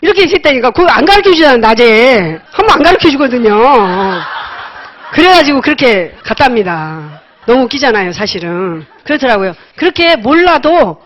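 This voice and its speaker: A middle-aged woman telling a personal success story at a meeting, lively and acting out the dialogue with laughter. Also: on the high side, moderate pace, slight background noise. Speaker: speaker at a sales meeting. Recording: dull lo-fi audio.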